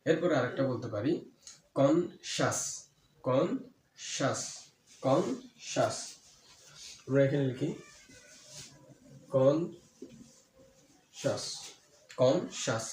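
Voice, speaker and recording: A man's voice: mid-range voice, darkish tone. Man teaching grammar in an echoey room. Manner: repeats key words slowly, asks and answers his own questions. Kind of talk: explanatory grammar lesson. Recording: echoey room with faint ambient noise.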